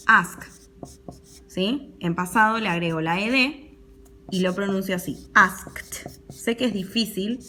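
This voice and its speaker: Slow, patient woman teaching a lesson. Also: medium pitch, fairly bright tone, a little hiss or hum. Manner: patient, repeats words slowly and checks in with students. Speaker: English teacher. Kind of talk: classroom lesson explaining pronunciation.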